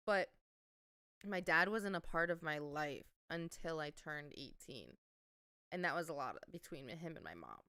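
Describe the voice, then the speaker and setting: Podcast co-host, twenties, woman, smooth and crisp tone, candid and laughing. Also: sits low, pushed and bright, dry recording, studio quality. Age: 20s. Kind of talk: casual chat.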